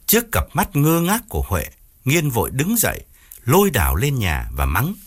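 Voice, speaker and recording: A man narrating an audiobook story in a steady storytelling manner. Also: mid-range voice, moderate pace, slightly rough. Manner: steady storytelling, voices each character.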